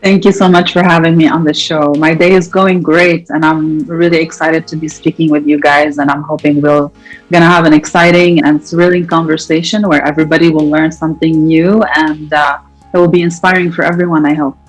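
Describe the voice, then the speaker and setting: A woman from Lebanon, in her thirties, answering interview questions in long, measured, articulate sentences. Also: low-pitched, little pitch movement, faint music behind, poor audio. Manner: articulate, measured, speaks in long listed phrases. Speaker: interview guest, entrepreneur.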